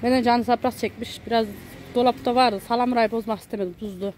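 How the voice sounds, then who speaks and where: A woman's voice: on the high side, fairly even intonation, quick pace, a little mellow, a little hiss or hum. A woman vlogger and mother walking through her country garden, chatting to viewers and her small daughter, recorded on a handheld camera. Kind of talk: casual garden tour vlog. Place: outdoor home garden in the countryside near a mountain.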